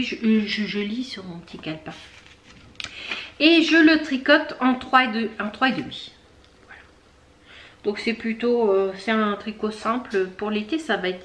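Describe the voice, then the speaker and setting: A woman hosting a knitting video podcast from home, chatting casually with many fillers, pausing to search for words and things. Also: fairly high pitch, fairly bright tone. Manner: chatty, talks straight to viewers. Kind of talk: casual show-and-tell chat.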